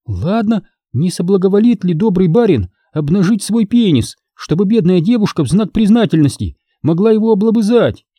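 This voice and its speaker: A man voicing a desperate young woman addict who pleads and curses in a shrill, begging voice. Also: very animated, normal speed, few pauses, mellow, husky, dry recording, clean studio sound, full character voice. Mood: pleading.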